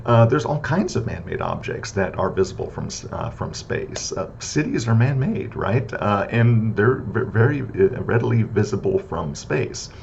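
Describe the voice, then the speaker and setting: A man lecturing on philosophy in a casual, conversational way, often checking in with "right?" and filling pauses with "uh". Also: big pitch swings, creaky, a little mellow. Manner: conversational, frequent "right?" and "uh" fillers; repetitive list-like debunking of myths. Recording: slightly dull lo-fi audio with faint rumble.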